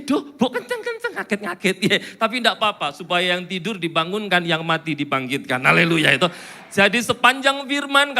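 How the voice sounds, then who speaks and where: A pastor preaching in church, joking and chatting with the congregation between points. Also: male voice, very high-pitched, bright, forceful tone. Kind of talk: sermon.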